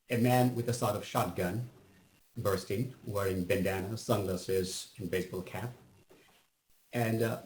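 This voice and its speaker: A middle-aged man from Bangladesh with a Bangladeshi accent, giving a measured, reflective personal testimony at a public event, pausing often with fillers. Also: lowish voice, darkish tone, reverberant, low-quality recording.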